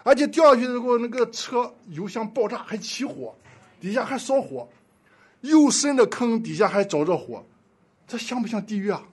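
Husky impassioned male preacher. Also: very high voice, animated, normal speed. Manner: impassioned storytelling, swinging from loud pleading to hushed asides. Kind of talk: sermon.

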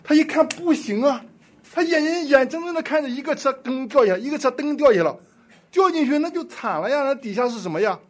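A man preaching a sermon, telling a story with impassioned swings between loud pleading and hushed asides. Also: very high-pitched, expressive, brisk.

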